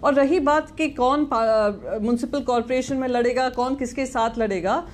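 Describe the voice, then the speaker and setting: A woman speaking as a party spokesperson in a heated TV debate, sharp and sarcastic as she rebukes an opponent. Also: high voice, normal speed.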